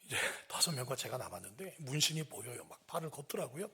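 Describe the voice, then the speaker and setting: A middle-aged male pastor telling a story in a sermon, acting out shouted quotes. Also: medium pitch, fast talker, vocal fry, slightly rough. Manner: animated, acts out shouted quotes. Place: church sanctuary.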